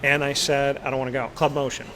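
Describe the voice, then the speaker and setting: A man hosting a casual interview, chatty and telling stories with animated quoted asides. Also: medium pitch, quick pace, a little hiss or hum. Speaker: talk show host.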